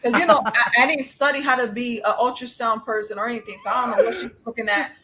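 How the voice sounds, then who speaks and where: Female podcast host, slightly high voice, animated conversational storyteller. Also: fast talker. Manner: animated, acts out dialogue, laughs easily; addresses a live chat.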